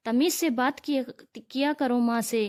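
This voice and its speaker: A woman's voice: high-pitched, normal speed, a little mellow, close to an everyday voice. A woman voicing a young husband who firmly scolds his wife for disrespecting his mother. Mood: scolding. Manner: firm, scolding.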